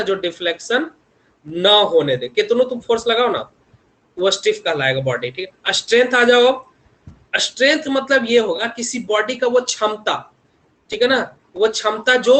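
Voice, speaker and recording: High-pitched young male lecturer a lilt, chatty teaching tone full of check-ins and homely examples. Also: fairly bright tone. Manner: repeats tag questions constantly, homely examples. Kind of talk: online engineering lecture.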